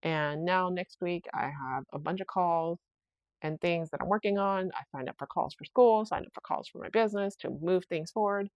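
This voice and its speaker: This podcast host talks solo in a fairly low voice at normal speed, no echo on the recording. She rambles casually, thinking out loud and talking herself through a fix, quoting her own words, laughing easily and often restarting amid fillers.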